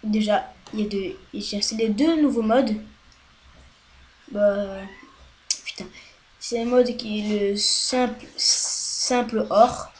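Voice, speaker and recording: A woman's voice: mid-range voice, slow, long pauses, dark tone. A woman giving casual, rambling let's-play commentary into a headset microphone at home, chatting freely, swearing often and apologizing a lot. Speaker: gaming video host.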